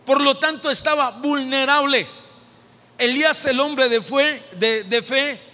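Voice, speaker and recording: A Mexican man preaching a sermon as pastor, impassioned and building to shouted repetitions, in a church sanctuary. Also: very high-pitched, measured pace. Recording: long hall reverb in a church.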